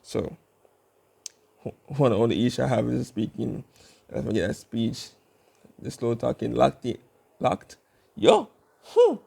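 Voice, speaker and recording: Gravelly, dark-voiced man rambling in a vlog. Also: mid-range voice, fairly even intonation. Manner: rambling, with frequent fillers and restarts; working to speak slowly and deliberately. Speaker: YouTube vlogger. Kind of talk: casual vlog monologue.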